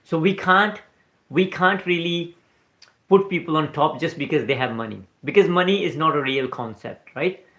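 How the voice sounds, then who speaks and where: A man's voice: a little high, moderate pace, a bit bright. A man with an Indian accent speaks on a casual livestream, in English that is not his first language. He rambles from point to point, often checking in with "right?" and replying to viewers' comments as they come in. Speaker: livestream host. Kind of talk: casual spiritual talk on a livestream. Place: live stream recorded in New Zealand.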